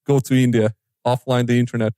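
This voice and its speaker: A man on a casual podcast, earnest and advising, sometimes restarting his sentences. His tone is warm and dark. The recording is close and dry. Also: medium pitch, level tone, quick pace, clear, resonant tone, no room sound. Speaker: podcast co-host.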